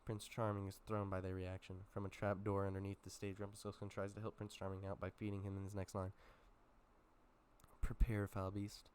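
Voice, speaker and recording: A man's voice: low voice, completely flat delivery, quick pace, few pauses, a little mellow, a little hiss or hum. A man with a sore throat reading a film script aloud casually, with dry asides and small stumbles. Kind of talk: casual script read-through.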